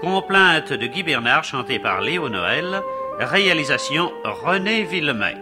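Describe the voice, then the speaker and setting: Old radio serial announcer, lively man's voice. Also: fairly high pitch, a little slow. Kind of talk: old 1950s radio serial announcing, reading title and cast credits. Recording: 1950s radio broadcast recording. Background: music.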